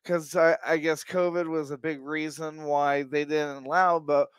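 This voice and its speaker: A man talking as a guest on a chat show, excitable and rambling. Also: fairly high pitch, a little slow, clean tone, no echo. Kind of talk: casual chat.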